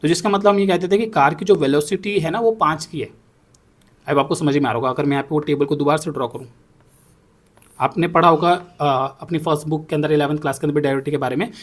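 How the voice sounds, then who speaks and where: A young man teaching a maths class, explaining step by step and checking in often with his students. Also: on the high side. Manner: repeats himself, checks in with "ठीक है ना". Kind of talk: explaining on a whiteboard.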